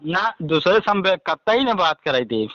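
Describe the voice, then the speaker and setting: A man's voice: high-pitched, sing-song, measured pace, fairly bright tone, no room sound. A man with a rustic eastern Uttar Pradesh accent, talking casually and insistently as a customer on a phone call, often repeating himself. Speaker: telecom customer on a support call. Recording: dull, dry phone recording.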